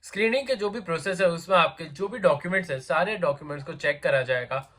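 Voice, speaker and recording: In a job vacancy video, a man with a fairly high, somewhat bright voice talks at a quick pace in casual Hindi-English. Chatty and full of repeated fillers, he addresses viewers directly, his throat sore and an occasional cough breaking through.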